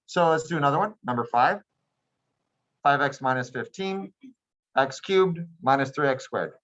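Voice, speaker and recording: A man's voice: medium pitch, animated, moderate pace, fairly bright tone, highs cut off. A man teaching a math class, explaining steps patiently and often asking if students follow. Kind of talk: classroom lecture.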